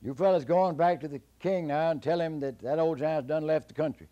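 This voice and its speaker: A man's voice: animated, normal speed, lightly acted. A man voicing Jack, a clever young trickster boy, in a told folktale. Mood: cocky, hollering. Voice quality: high, shouting, boastful drawl.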